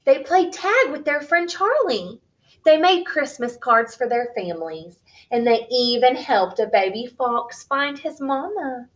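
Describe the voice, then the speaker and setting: Here a woman with a high voice tells a picture-book story to young children, measured and full of expression. The recording's highs are cut off.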